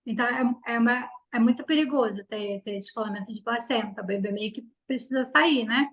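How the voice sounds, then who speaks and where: A woman's voice: on the high side, brisk. A Brazilian woman in her thirties on a podcast, telling a story casually and animatedly, acting out quoted dialogue with lots of fillers. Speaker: podcast guest.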